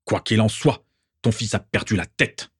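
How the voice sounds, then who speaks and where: A man voicing a gruff older father who grumbles and muses aloud in a storybook reading. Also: on the low side, moderate pace, no room sound, studio quality. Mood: disapproving.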